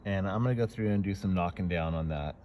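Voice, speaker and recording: A man doing dent repair outdoors, explaining his work in a relaxed, casual way as he films on a phone. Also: low voice, quick pace, a little hiss or hum. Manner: relaxed, explanatory, talks between tasks. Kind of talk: casual how-to narration while working. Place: outdoors in a parking lot beside a car.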